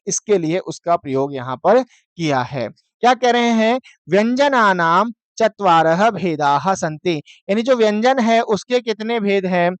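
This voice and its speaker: A man's voice: high-pitched, no room sound. A man teaching a Sanskrit class, asking his students questions and answering them himself, and drilling sounds one syllable at a time. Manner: mixes Hindi explanation with read-aloud Sanskrit. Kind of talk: online class lesson explaining to students.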